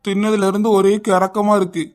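A man's voice: sits high, level tone, fairly quick, close to an everyday voice. Man voicing a meek, overfed husband. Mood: whiny. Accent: Kanyakumari Tamil. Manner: weak, whiny refusing. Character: meek young husband, stuffed and weary.

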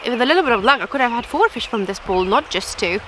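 A woman's voice: fairly high pitch, fast talker, a little hiss or hum. A woman, chatting self-mockingly while fly fishing on a riverbank. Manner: chatty, self-mocking, excitable when hooking fish. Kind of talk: casual chat while fishing. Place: outdoors on a riverbank. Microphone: camera mic, sometimes far. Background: music.

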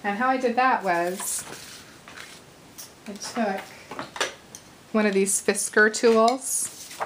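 A woman in her thirties hosting a casual crafting tutorial, chatty and a little hoarse, with apologetic asides while she works at arm's length from the camera. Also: medium pitch, slow pace, background noise. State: slightly hoarse, losing her voice. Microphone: camera at arm's length over the craft table.

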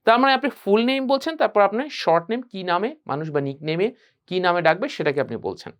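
A man teaching a spoken English class, animated and drilling phrases by repeating them. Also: high voice, brisk. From Bangladesh.

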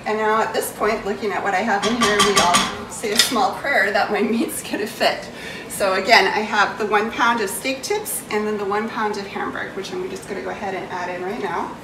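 Her voice sits in the mid range with a steady tone and an ordinary speed. She's a home cook in her forties with a New England accent, casually demonstrating chili in her kitchen while she stirs, pours, and pokes fun at herself. The audio comes from a far-off camera on a tripod, so it sounds roomy and noisy, with a pan sizzling in the background.

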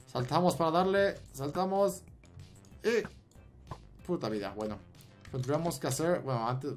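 A young man with a Mexican accent giving excitable gameplay commentary, swearing and repeating words in rapid bursts. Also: fairly high pitch, soft background music. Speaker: Minecraft gameplay YouTuber.

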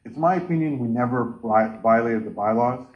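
A man in his forties chairs an online meeting from a room at home, talking earnestly and gesturing with his hands. His medium-pitched voice is brisk, and the video call audio from his laptop sounds dull and lo-fi.

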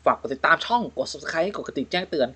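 A man's voice: fairly high pitch, sing-song, fast, bright, forceful tone, husky. A man hosting a comedy channel, reacting to funny clips in crude, joking banter and laughing often. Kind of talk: casual comedic commentary.

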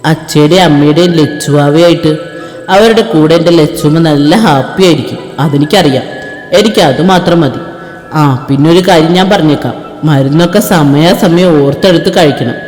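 A devoted young husband in a spoken storybook, voiced by a male narrator, gentle and reassuring, his voice a little high for a man. A long reverb rings around him, with faint music beneath. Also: natural voice.

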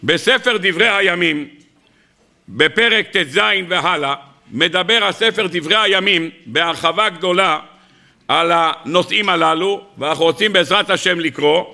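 Male rabbi, high bright voice, sermon with parables and rhetorical questions. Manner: lively storytelling with parables; asks the listeners rhetorical questions. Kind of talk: weekly Torah sermon.

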